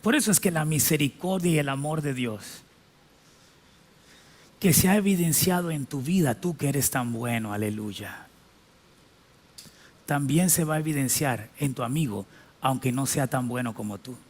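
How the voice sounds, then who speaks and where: A middle-aged pastor preaching a sermon emphatically, with slow, drawn-out phrases and spelled-out words. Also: male voice, mid-range voice, animated, a little mellow.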